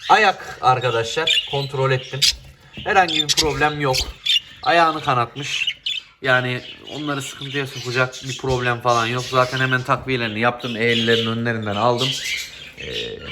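A man's voice: medium pitch, normal speed. A man who breeds birds talks casually to his viewers, as friends, from an indoor breeding room under renovation. His voice echoes off the bare walls of the half-empty space. Squawking birds add noise to the recording behind him. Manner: chatty, addresses viewers as friends. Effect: voice echoing in a half-empty room. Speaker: bird breeder. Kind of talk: casual vlog talk to viewers.

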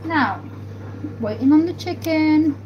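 A woman talks casually through a cooking livestream. She rambles as she cleans and checks the oven, sometimes close to the phone and sometimes across the room. Household noise sits clearly under her voice in the small home kitchen. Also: high voice, slow pace, dull audio. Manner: chatty, rambling, talks while doing chores. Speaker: livestream host. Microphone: phone camera, often at arm's length or propped across the room.

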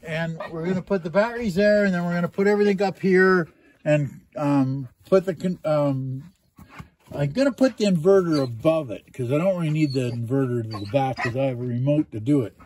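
A man's voice: on the high side, a little fast, a little mellow, a little hiss or hum. A Canadian man vlogging in a rambling, joking way, casually swearing as he talks through a project. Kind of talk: casual chat.

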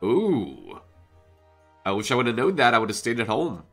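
Over a faint music bed, a gaming channel host with a stuffy, cold-clogged voice thinks aloud while playing his own game, chatting casually. His voice is mid-range and a bit bright, with vocal fry and huge pitch swings, at normal speed.

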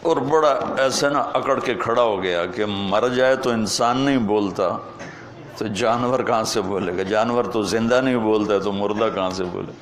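A man preaching a sermon and telling stories with emotional, swelling delivery. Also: lowish voice. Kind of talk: sermon storytelling.

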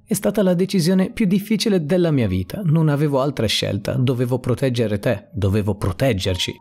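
A man voicing a poor young mother who is gentle, earnest and firm when needed. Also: medium pitch, brisk, breathy edge, soft background music. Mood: tender.

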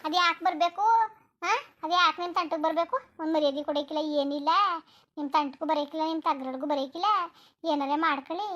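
Woman doing a nagging village mother, cartoon, very high, bright, scolding, complaining. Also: fairly even intonation, quick pace. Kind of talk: cartoon voice acting.

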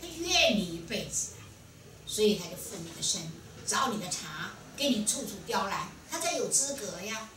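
A woman with a Taiwanese Mandarin accent gives a sermon in a temple hall, with animated teasing rhetorical questions. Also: medium pitch, moderate pace. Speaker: spiritual teacher. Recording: echoey room from a distance, faint hum.

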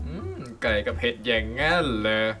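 A man giving excitable, crude let's-play commentary as a gaming video host. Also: mid-range voice, fairly quick. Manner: excitable, crude, bursts into loud exclamations. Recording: game music behind the voice.

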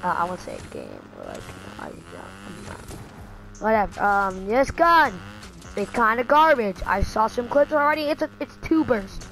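A woman giving excitable, rambling gameplay commentary, full of fillers and restarts, dropping to mutters and jumping to shrieks. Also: moderate pace, soft background music, rough recording. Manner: excitable, swings from low muttering to sudden shrieks. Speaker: gaming channel host.

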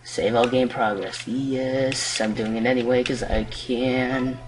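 A man's voice: medium pitch, fairly even intonation, slow, rough recording. A man casually commentating on a video game as he plays, joking along. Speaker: let's play host. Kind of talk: gameplay commentary.

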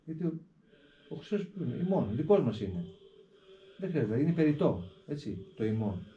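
A man, a hermit monk, explaining a prayer in an interview in a deliberate way, often repeating a filler word and slowly reciting the prayer with shifting stress. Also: fairly high pitch, big pitch swings, mellow. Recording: echoey, dull recording with faint background noise.

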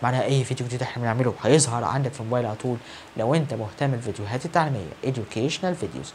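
A man with an Egyptian Arabic accent teaching English grammar in a recorded online lesson, brisk and encouraging, answering students who are not there. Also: medium pitch, darkish tone, a little hiss or hum.

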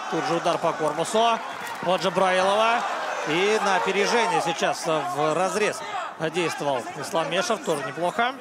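A man's voice: high voice, normal speed. A man giving live play-by-play sports commentary on a fight. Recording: music and crowd noise behind commentary. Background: arena music and crowd.

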